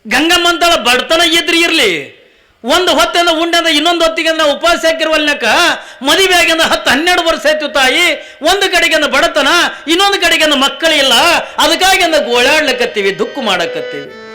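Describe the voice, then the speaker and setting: A woman's voice: sits high, lively intonation, normal speed, sharp tone. A man voicing a poor, childless village wife who pleads and grieves in a tearful voice. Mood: pleading. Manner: tearful pleading, repeating her plea.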